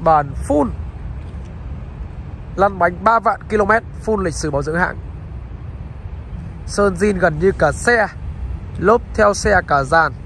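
Man, fairly high voice, car salesman, walkaround narration, polite repeated address to viewers, faint outdoor background noise. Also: slow pace, long pauses, fairly bright tone. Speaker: used car dealer presenting a car. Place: outdoors beside and inside a car on a roadside.

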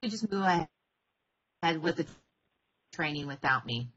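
Woman, low voice, dull muffled call sound that cuts in and out, husky, halting with fillers and restarts. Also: animated, fairly bright tone. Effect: audio cutting in and out. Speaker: division director. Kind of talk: webinar introduction over a call. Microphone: home computer, no headset.

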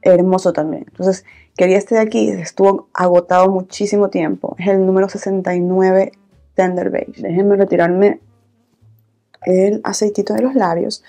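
Woman chatting low n soft while doing makeup, mellow tone, faint music behind. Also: little pitch movement, moderate pace. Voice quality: soft-spoken. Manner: soft, low-volume talking, intimate. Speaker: beauty vlogger, host. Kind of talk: casual get-ready-with-me makeup chat. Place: small indoor room, filming setup.

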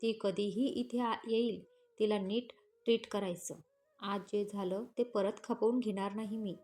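A woman's voice: mid-range voice, fairly even intonation, unhurried, warm tone, lightly acted. A woman voicing a stern young male company boss who speaks in commanding tones.

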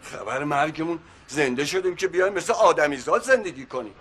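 A man's voice: on the high side, animated, fairly bright tone, husky. An actor playing a middle-aged husband back from his supposed death, pleading and joking with his angry family in a comic TV series. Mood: exasperated. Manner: pleading and joking, then exasperated. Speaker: father of the family.

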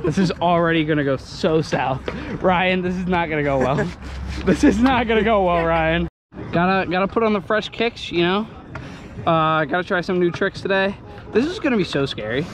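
Young male vlogger, casual and excitable, action-camera mic at an outdoor skatepark with heavy background noise. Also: high voice, normal speed. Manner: excitable, swears, laughs at himself. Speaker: scooter rider filming himself. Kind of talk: casual self-filmed vlog commentary. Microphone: action camera on handlebars. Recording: noisy outdoor camera audio.

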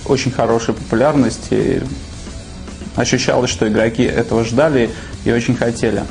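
A young man with an average-pitched voice answers interview questions as a company spokesman. His phrasing is hesitant and measured, over faint music. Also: steady tone, gravelly, a little mellow. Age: young adult. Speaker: PR manager interviewed. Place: dark studio.

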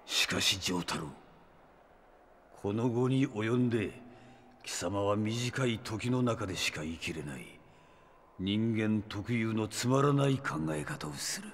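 Sneering immortal villain for an audio drama, bright forceful voice, super animated, grand and contemptuous. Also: male voice, lowish voice, slow, slight background noise. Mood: contemptuous, grandiose. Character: arrogant immortal male villain, megalomaniac and theatrical. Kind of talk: Japanese audio drama acting.

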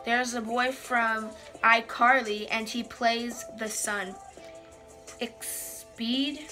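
High-voiced teenage girl, casually reading aloud. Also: steady tone, drawn-out words, music in the background. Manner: amused, self-deprecating asides. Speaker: vlogger. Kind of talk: casual reading aloud from old journal with commentary. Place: small bedroom, indoors.

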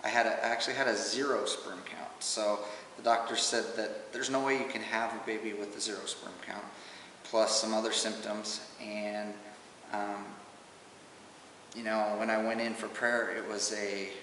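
Heard from a distance, as if on an old home camcorder, a man gives an emotional testimony as a father, his low, even delivery halting. The room is large enough to leave a long reverb tail, and a faint hiss lies under it all.

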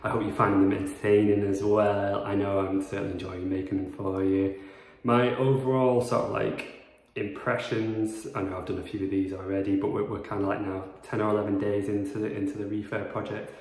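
His pitch is fairly low and his tone darkish and level, with a fairly quick delivery. The man, a property renovation vlogger in his twenties, rambles chattily and uses lots of fillers during a house tour recorded on his phone camera, which he holds and then props up. He's indoors in an empty house under renovation, where the bare rooms echo.

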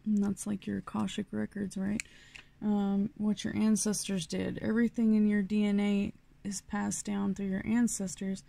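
A woman's voice: medium pitch, level tone, moderate pace, vocal fry, mellow. A middle-aged woman from New Mexico giving a rambling, casual tarot reading full of fillers and restarts. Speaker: tarot reader.

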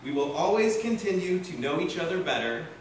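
A young man officiates a wedding in a very echoey church, reading the ceremony aloud. His fairly high voice swings widely in pitch. It sounds far from the mic. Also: animated, fairly quick. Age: young adult. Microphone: distant camera. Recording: echoey church, distant mic, loud ambient noise.

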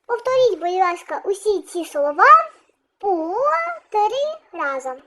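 A woman teacher reads aloud for young pupils in a very high, bright voice. She speaks slowly and carefully, with a lively, sing-song rise and fall like a classroom lesson. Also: a little hiss or hum. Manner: slow, careful teacherly delivery. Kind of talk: primary school reading lesson.

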